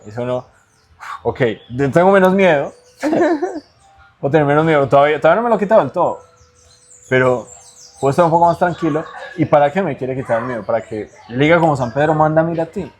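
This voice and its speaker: A man's voice: on the high side, big pitch swings, fast, a little hiss or hum. A man as an interview guest, giving earnest spiritual teaching in a conversational way and checking in with rhetorical tag questions.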